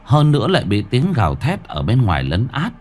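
A man's voice: medium pitch, wildly swooping pitch, brisk, a little mellow. A man narrating a ghost story in a dramatic, suspenseful storytelling manner. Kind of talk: scripted horror narration.

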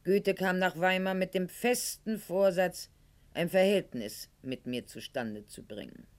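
In a radio play monologue, an actress portrays a proud, wounded, middle-aged aristocratic lady, speaking articulately and with irony, using weighted pauses. Her voice is lowish and lightly acted, and the mood is wry and reflective.

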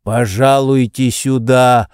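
Brief: male reader doing a wheezing, bowing old servant, slow, dry sound. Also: medium pitch, fairly even intonation, darkish tone, clean tone, dry recording, natural voice. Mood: fawning. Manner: wheezing, fawning.

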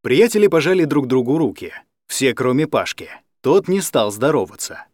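A man narrating an audiobook in a lively, dramatic storytelling manner. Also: mid-range voice, moderate pace, no echo, studio quality.

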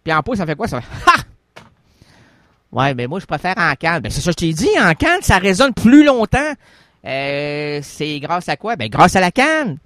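A man's voice: on the high side, expressive, unhurried, fairly bright tone, no echo, studio quality. A man with a Québécois French accent hosting a comic radio show, playful and zany, bantering back and forth with himself. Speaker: radio host.

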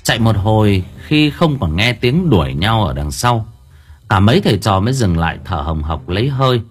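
A man narrates an audiobook in a lively, colloquial way. His voice is husky and a little breathy. His pitch rises and falls freely as he tells the story. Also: normal speed, faint music behind.

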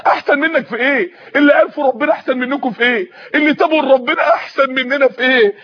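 Impassioned Egyptian preacher, high and fast. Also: male voice. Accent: Egyptian Arabic. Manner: impassioned, pleading, voice breaking into tears. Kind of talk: emotional sermon storytelling. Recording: muffled lo-fi recording.

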